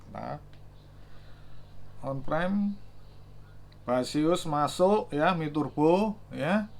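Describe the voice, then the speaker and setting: A man's voice: on the high side, animated, drawn-out words, creaky. A man casually demonstrating chargers, thinking aloud and reading out numbers with many fillers. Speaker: gadget reviewer. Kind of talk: casual product demo.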